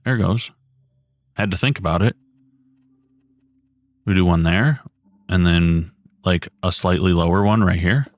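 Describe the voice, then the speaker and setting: Male streamer, thirties, deep and low, relaxed rambling chat, dry close mic. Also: measured pace, long pauses, dry recording. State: has the hiccups. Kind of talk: casual live-stream chat while building. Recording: dry close mic, faint music behind.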